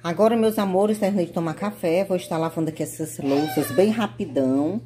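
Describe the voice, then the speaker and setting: A woman's voice: lowish voice, a little fast, dark tone. A woman chatting casually to her viewers in a home vlog, talking often and directly to the people watching. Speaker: mother vlogger. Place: family home.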